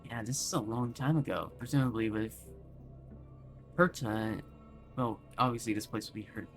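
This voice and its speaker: A man's voice: fairly low pitch, fairly even intonation, moderate pace, faint music behind. A man streaming a game, musing casually and rambling through his thoughts.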